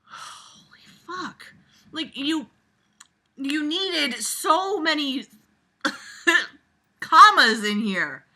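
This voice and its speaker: This woman's voice sits high and sounds bright and forceful as she reads aloud casually and mocks what she reads. An amateur reader-commentator with a regular audience, she's sarcastic, exasperated and quick to swear.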